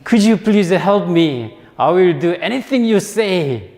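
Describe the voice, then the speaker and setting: A man's voice: sits high, animated, unhurried, darkish tone, voice pushed up. A man voicing a desperate man clinging to a cliff edge, crying out and pleading. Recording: long hall reverb.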